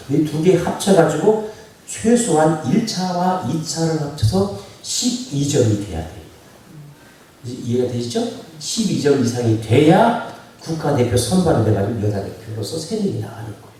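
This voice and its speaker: A male pastor preaches in a lively, rising and falling voice, telling a story and quizzing his congregation. He is picked up from a distance in a very echoey church, with a faint hum underneath. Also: a little high. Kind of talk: sermon.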